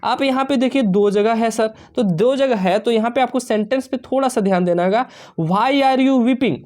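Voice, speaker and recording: A man teaching an exam-prep English lesson, explaining step by step and reading English sentences out slowly. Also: extremely high pitch. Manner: addresses students warmly as dear children.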